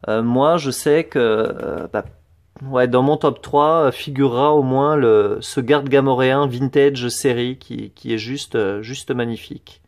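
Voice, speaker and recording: A man's voice: mid-range voice, unhurried. Hesitant French-speaking man touring his collection. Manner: hesitant, many fillers and restarts. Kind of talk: casual show-and-tell narration.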